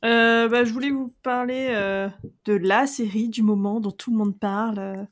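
A woman's voice: fairly high pitch, steady tone, moderate pace. A woman co-hosting a podcast, chatting casually about a TV series with hesitant fillers. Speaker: podcast co-host. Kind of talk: casual chat.

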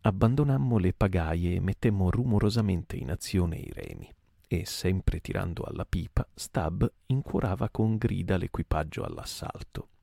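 A man reading a classic novel aloud as a calm, sleep-inducing narration, with occasional small restarts. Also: low voice, normal speed, vocal fry, no room sound, clean studio sound. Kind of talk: soporific audiobook reading.

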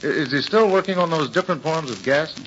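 Animated, easygoing American pilot. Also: male voice, fairly high pitch. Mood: casual, curious. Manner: casual, brisk, obliging. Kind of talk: 1940s radio drama acting. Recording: dull, noisy old radio recording.

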